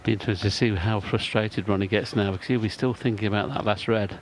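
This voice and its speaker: Man, lowish voice, live snooker commentary, analytical, faint audience noise behind. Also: steady tone, quick pace, low-quality recording.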